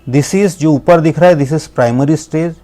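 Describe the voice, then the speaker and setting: A man giving a spoken lesson on English pronunciation, explaining in Hindi with English words mixed in and slowly spelling out sounds. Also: on the high side, dark tone. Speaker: English teacher. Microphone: laptop screen recording.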